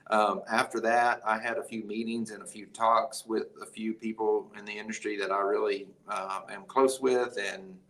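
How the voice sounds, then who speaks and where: A man's voice: lowish voice, moderate pace, hardly any pauses, low-quality recording. A man, a rodeo event producer, telling a story in an interview and acting out the conversations he quotes. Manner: animated, acts out quoted conversations.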